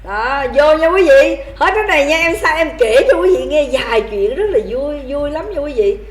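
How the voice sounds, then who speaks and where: A woman telling drinking stories in a casual, animated chat, laughing often and calling out toasts. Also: high voice, normal speed, echoey room. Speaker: livestream host telling drinking stories to viewers.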